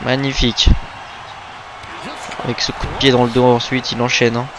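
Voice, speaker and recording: A man's voice: mid-range voice, flat delivery, normal speed, background noise. A man doing play-by-play wrestling commentary, calling out the moves and exclaiming at the big ones. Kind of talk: play-by-play wrestling commentary of a video game match.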